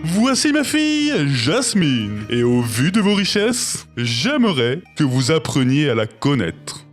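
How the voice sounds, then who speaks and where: A man voicing a genial, stately old sultan with formal, courteous speech in an animated storybook. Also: on the high side, takes it slowly, soft background music, heavily acted. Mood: welcoming, jovial. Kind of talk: animated storybook character acting.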